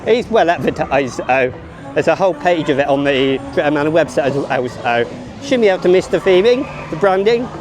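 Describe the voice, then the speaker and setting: A man's voice: a little high, lively intonation, fairly quick, noisy background. A man giving casual, rambling vlog commentary at a theme park and then inside an exhibition. He thinks aloud, often restarts and corrects himself.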